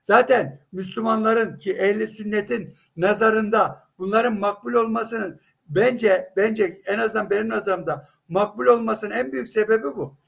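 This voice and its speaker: A man's voice: high-pitched, normal speed, creaky, few pauses, a bit bright. A man in a heated live religious debate, insistent and emphatic, pressing with rhetorical questions.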